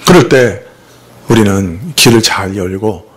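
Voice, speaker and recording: Husky-voiced pastor with a lively, swinging delivery. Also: male voice, lowish voice, slow. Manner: talks with the congregation through rhetorical questions; confessional, uses himself as the example. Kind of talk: conversational sermon.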